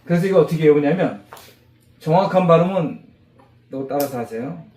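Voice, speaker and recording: A man teaching English vocabulary to a class of mothers, animated, quizzing them and drilling repetition. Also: a little high, brisk. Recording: roomy classroom echo.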